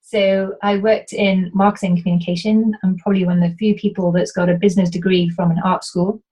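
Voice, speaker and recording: In a rough recording, a woman with a mid-range, dark, breathy-edged voice speaks briskly with flat delivery. A business coach from Wales, she has a light British accent with toned-down Welsh, and she answers interview questions in an earnest, explanatory way, repeatedly restarting her sentences.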